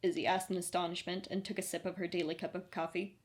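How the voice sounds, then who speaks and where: A woman narrating a story in an even, audiobook-style read. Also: lowish voice, fast.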